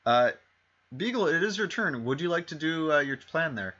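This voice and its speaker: Through a dull lo-fi stream mic comes a man's fairly high, pushed, bright voice with lively intonation at a moderate pace. He's the game master of a tabletop game, rambling along and correcting himself with fillers and restarts.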